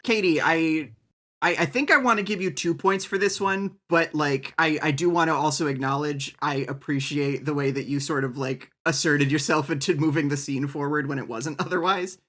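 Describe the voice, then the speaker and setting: A host judging an improv comedy game, giving halting, encouraging feedback with many restarts. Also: mid-range voice, a bit bright.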